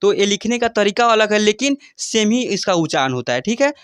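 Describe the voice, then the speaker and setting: A man's voice: high-pitched, big pitch swings, a bit bright, clear, resonant tone, dry recording. Patient male teacher, dry sound. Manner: slow, repetitive, checks in often with "ठीक है?"; drawn-out letter names for recitation. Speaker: English teacher. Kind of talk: basic alphabet lesson.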